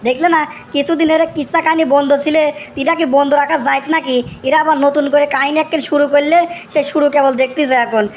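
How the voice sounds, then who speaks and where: Playing a whiny, fed-up village nephew in cartoon comedy, the performer speaks rustic dialect and keeps repeating complaints. The delivery sits high with little pitch movement, rapid with few pauses, over a little hiss or hum.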